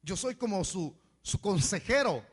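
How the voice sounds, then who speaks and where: A man preaching a sermon as pastor, with animated asides where he mimics complaining people. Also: high-pitched, a little slow, husky. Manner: preaching with acted asides in mocking voices. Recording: hall reverb.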